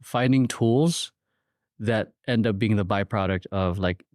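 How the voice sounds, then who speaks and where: This podcast guest, a Filipino man in his thirties, is hesitant and reflective, often restarting as he thinks aloud in a casual interview. His fairly low, slightly mellow voice is unhurried, and the studio sound is clean with no echo.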